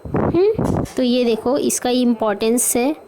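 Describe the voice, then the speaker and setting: A woman teacher with an Indian accent, her voice pitched high as she walks young pupils through a lesson. She reads English lines slowly before explaining them in Hindi. A faint hiss of noise sits under the recording. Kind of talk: explaining a textbook story to children.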